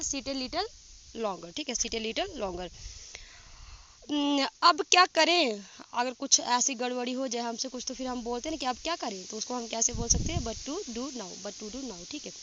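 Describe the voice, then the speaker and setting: A woman teaching simple English sentences outdoors, reading each sentence and then saying it slowly in English. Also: high voice, lo-fi sound. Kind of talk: casual spoken English lesson. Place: outdoors in windy fields while grazing cattle. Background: wind and rural outdoor sounds.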